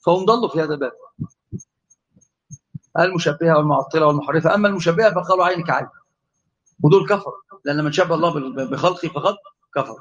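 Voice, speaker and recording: A man with an Egyptian Arabic accent teaching a lively theology lesson, quizzing his class and calling on students. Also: fairly high pitch, muffled recording. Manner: animated, asks the class questions and calls on students. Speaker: religious teacher.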